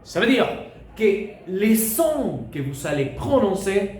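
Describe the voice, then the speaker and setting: A teacher, a man with a fairly high voice, leads a beginner lesson at an unhurried pace. He repeats each sound with care so pupils can follow. The recording is roomy, with a faint hiss behind it. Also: very animated, darkish tone. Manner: slow, careful, repeats vowels for pupils to echo. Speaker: Spanish teacher. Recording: echoey room with faint hiss.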